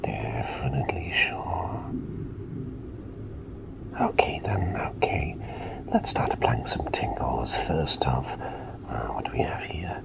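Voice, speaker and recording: A man voicing a courteous, inquisitive plague doctor in a soft, repetitive, soothing ASMR whispered role-play. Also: a bass voice, lively intonation, vocal fry, full character voice. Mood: soothing, polite. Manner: soft, unhurried, gently repetitive and formal. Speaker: ASMR performer.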